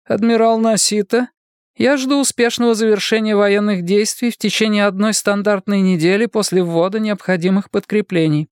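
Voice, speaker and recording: A man voicing a calm, commanding woman leader. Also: medium pitch, clear, resonant tone, no echo, clean studio sound, pitched above the performer's own voice, natural voice. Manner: measured, authoritative, quietly commanding. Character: stern woman head of government, calm, commanding. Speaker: political leader.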